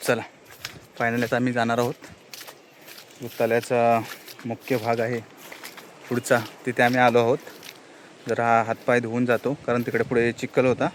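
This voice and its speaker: A man's voice: mid-range voice, monotone, moderate pace, long pauses, slight background noise. A man giving a plain, explanatory tour of a village lake outdoors, filmed on a handheld phone. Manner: plain explanatory tour-guide talk, pointing things out. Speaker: village vlogger. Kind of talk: casual walk-and-talk vlog.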